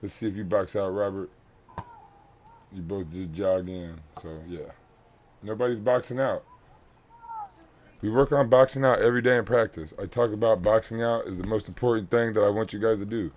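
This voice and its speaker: A man's voice: lowish voice, steady tone, normal speed, long pauses, darkish tone. A man coaching a youth basketball team, breaking down game film for his players in a blunt, instructive way and repeating key points.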